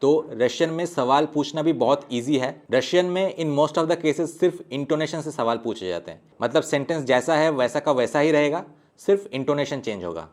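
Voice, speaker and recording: A man's voice: fairly high pitch, expressive, darkish tone. Man teaching a language lesson. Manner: slow, drawn-out model pronunciation of example words; explains step by step.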